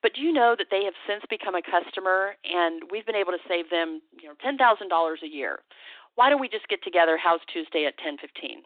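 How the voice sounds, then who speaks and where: A woman's voice: on the low side, expressive, fast, no room sound. A woman sales trainer, a guest on a phone interview, talking confidently and acting out sales lines. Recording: tinny phone line.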